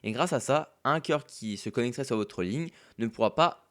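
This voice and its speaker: A man narrates a screen-recording tutorial one step at a time. His delivery is relaxed and conversational, with the odd filler as he goes. His pitch sits in an ordinary middle range. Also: brisk. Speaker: tech YouTuber.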